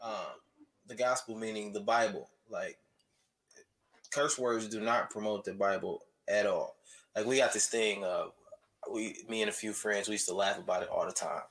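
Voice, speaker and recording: A man's voice: lowish voice, normal speed, fairly bright tone, rough recording. A man chatting casually but with conviction. He speaks earnestly and firmly about faith. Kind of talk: casual chat.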